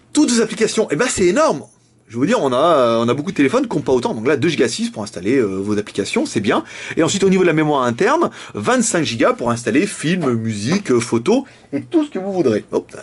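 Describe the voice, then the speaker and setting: A man's voice: a little high, breathy edge. A young man with a casual, jokey manner, reviewing a phone and often laughing. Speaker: tech reviewer.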